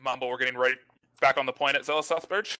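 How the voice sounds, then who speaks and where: A man giving hurried squad leader reports, heard over team voice comms as if from a distance. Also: medium pitch, fairly even intonation, bright, forceful tone, no echo. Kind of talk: tactical radio callouts.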